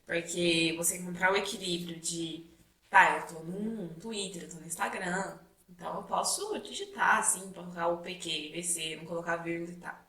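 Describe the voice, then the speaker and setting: A woman's voice: fairly low pitch, steady tone, normal speed, pushed and bright. A young woman co-hosting a casual chat, talking freely and often tagging her points with questions. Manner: chatty, frequent tag questions. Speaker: co-host. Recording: echoey room, mic at a distance.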